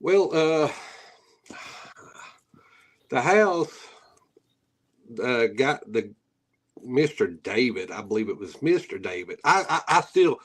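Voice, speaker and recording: Very animated yet slow, with long pauses and a breathy edge, this medium-pitched man tells stories as a paranormal investigator guesting on an interview. He's middle-aged, with an Appalachian hillbilly drawl, and his casual storytelling is folksy and rambling, with rural grammar.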